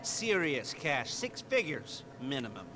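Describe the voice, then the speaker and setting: An actor playing an older male hacker fixer in a video game, halting and easily exasperated. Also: medium pitch, big pitch swings. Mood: hesitant, businesslike. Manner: halting, hesitant, easily irritated. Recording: noisy game ambience behind voice.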